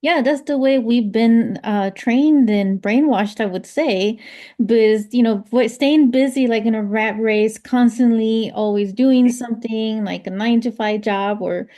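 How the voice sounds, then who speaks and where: A woman's voice: fairly high pitch, unhurried, dark tone. A woman hosting a podcast interview, agreeable and chatty, full of fillers and affirmations. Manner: agreeable, lots of backchannel, filler-heavy. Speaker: podcast host. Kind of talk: casual interview chat.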